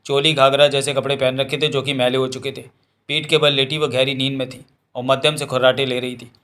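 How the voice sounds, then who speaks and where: A man reading a Hindi novel aloud as an audiobook narrator, voicing every character in the same steady way. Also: mid-range voice, a little fast. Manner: reads all characters in a nearly even voice.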